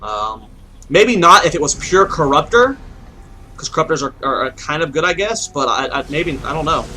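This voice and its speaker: A young man calls a video game match alone, his voice pitched high and bright. He rambles, thinks aloud and restarts his sentences, with a faint hiss underneath. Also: sing-song, moderate pace, low-quality recording. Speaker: game caster. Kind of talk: esports play-by-play commentary.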